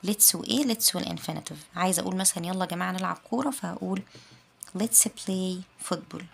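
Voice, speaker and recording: A woman with an Egyptian Arabic accent teaching an English grammar lesson, patiently repeating her English example sentences slowly. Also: lowish voice, gravelly, a little hiss or hum.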